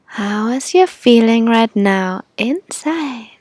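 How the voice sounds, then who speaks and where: High, slow, breathy female meditation guide. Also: expressive, darkish tone.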